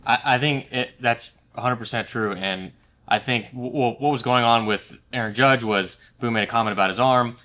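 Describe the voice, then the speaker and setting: A man co-hosting a podcast, chatting casually, asking questions and filling pauses with "like". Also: medium pitch, bright, forceful tone. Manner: conversational, asks questions, many fillers like "like". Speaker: podcast co-host.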